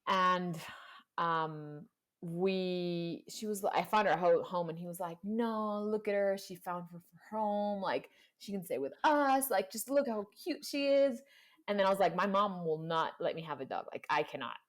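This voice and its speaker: A woman's voice: fairly low pitch, a little slow. Chatty woman telling a story, fillers. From Panama and Colombia. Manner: storytelling, acts out quoted voices, many "like" fillers. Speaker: guest. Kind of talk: casual chat.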